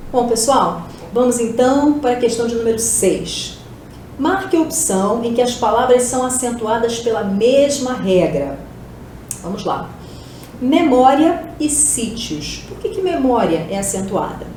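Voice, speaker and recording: A woman's voice: a little high, moderate pace, a little mellow. A woman from Brazil, a Portuguese teacher, going through exam questions step by step and answering her own questions. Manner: explains step by step, asks and answers herself. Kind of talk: exam-prep video lesson. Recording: very echoey room, faint hiss.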